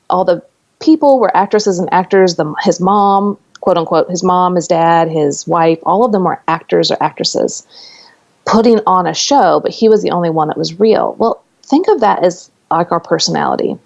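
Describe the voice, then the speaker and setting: Earnest woman with a gravelly voice. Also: fairly low pitch, darkish tone, highs cut off. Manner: earnest, explains with stories and examples. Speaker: podcast guest. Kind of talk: conversational interview.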